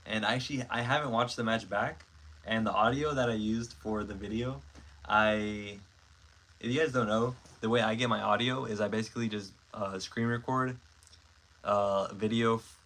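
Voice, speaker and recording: On a low-quality recording, a man with a lowish, fairly bright voice speaks at a moderate pace in a steady tone. In his twenties and from Mexico, this stop-motion creator rambles through a casual livestream chat with viewers, reading comments amid many fillers and self-corrections.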